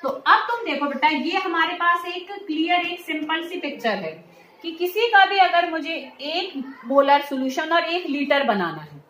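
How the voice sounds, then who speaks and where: A woman teacher with a high voice explains a lab procedure step by step in a school chemistry lab. She talks patiently and keeps checking that her students follow along. The room gives her voice a clear echo. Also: lively intonation, moderate pace, pushed and bright, slight background noise. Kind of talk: hands-on lab demonstration. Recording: roomy echo.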